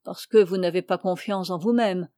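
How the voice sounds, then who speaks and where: A woman's voice: fairly low pitch, fairly even intonation, normal speed, dark tone, dry recording, studio quality, close to an everyday voice. A woman reading the part of a pushy, flirtatious middle-aged bourgeois lady, with insistent, probing questions, in a storybook reading.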